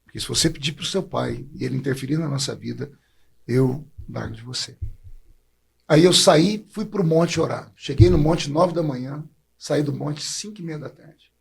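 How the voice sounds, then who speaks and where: A man's voice: a little high, normal speed. A man from Brazil, a preacher, telling his personal faith story in a heartfelt way, his voice catching with emotion. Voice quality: gravelly, husky voice.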